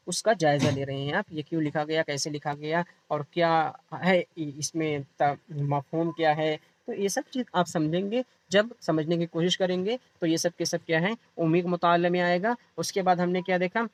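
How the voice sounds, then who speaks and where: A man's voice: a little high, dry recording. A man teaching an exam-prep class, explaining by asking and answering his own questions, while feeling unwell. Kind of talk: online exam-prep lecture.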